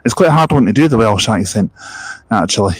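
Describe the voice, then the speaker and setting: Talking fast with lively intonation and a fairly low voice, a young man chats casually on a live stream at a bus park and ride. He rambles from story to story, points out buses going by, and reads out viewer comments while background noise carries on.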